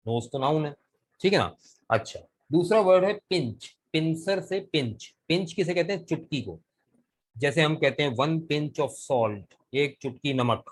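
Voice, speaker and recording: An English vocabulary teacher with a Pakistani Urdu accent leads a live class online by video call, captured in low quality. He speaks at a middle pitch, taking students through each point patiently and stopping frequently to ask them questions.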